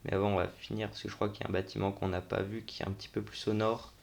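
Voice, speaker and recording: Low, flat, creaky-voiced young man. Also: rapid-fire. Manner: informal, slangy, thinking aloud. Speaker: gaming video host. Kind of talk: casual unscripted game tour commentary.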